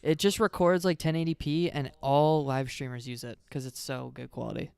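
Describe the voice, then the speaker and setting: A young man chatting loosely on a podcast with a gravelly edge to his voice. His tone is smooth and resonant, and he rambles and laughs as he goes. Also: fairly high pitch, fairly even intonation, normal speed, no echo. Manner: laid-back, rambling, laughs often. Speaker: podcast co-host. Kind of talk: casual chat. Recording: static on the mic.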